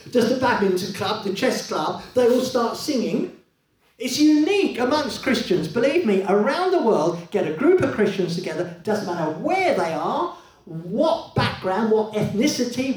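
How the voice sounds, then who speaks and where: A man preaching a sermon in a church, conversational and lively, with many rhetorical questions to the congregation. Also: sits high. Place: church hall. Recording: echoey hall, voice from a distance.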